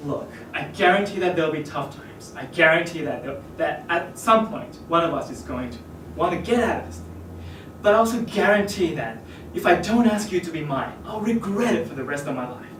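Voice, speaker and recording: Slow, emphatic speech performance in an echoey room. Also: mid-range voice, expressive, fairly bright tone, far from the mic, a little hiss or hum. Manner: emphatic, rhetorical repetition. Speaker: workshop participant. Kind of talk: rehearsed English speech performance.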